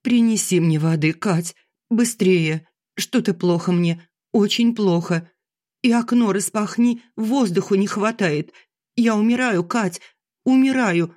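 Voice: medium pitch, measured pace, a little mellow, voice pushed up, natural voice. A narrator voicing an aggrieved middle-aged wife who complains shrilly and sarcastically through tears, in an audiobook. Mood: faint. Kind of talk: audiobook character reading.

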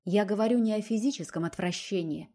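A woman's voice: medium pitch, brisk, dark tone, natural voice. A woman reading the lines of a distressed young woman who pleads and pushes back in a strained voice. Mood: defiant. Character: distressed young woman resisting, hurt and defiant.

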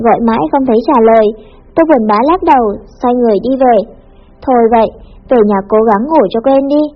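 A woman with a high voice reads a first-person story in a lively, chatty manner, moving quickly. The recording is a bit muffled, with soft music playing underneath. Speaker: audiobook narrator.

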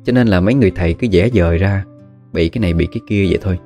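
Dark-voiced storyteller. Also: male voice, low voice, very fast. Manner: relaxed, conversational retelling with spoken fillers. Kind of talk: spoken horror story narration. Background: faint guitar music.

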